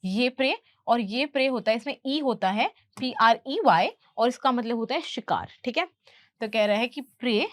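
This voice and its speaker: A woman teacher explaining lines from a film, repeating English phrases slowly word by word. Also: on the high side, expressive, dry recording. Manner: slow, careful word-by-word pronunciation drills. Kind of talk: explaining movie lines in a lesson.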